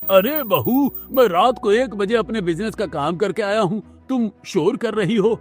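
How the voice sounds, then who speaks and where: A man voicing a grumpy older father-in-law in a cartoon story, complaining slowly. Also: high voice, voice pushed up. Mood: irritated.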